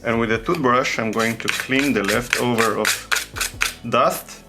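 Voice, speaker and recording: A man with a thick foreign accent, a non-native English speaker, narrating a hands-on tutorial in simple, halting phrases as he searches for words. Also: medium pitch, over loud music. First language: not English. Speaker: repair tutorial host.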